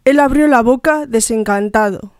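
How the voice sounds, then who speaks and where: A woman reading a novel aloud for a radio programme in a measured, deliberate way. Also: on the high side, no room sound, studio quality. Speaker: radio reader. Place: radio studio.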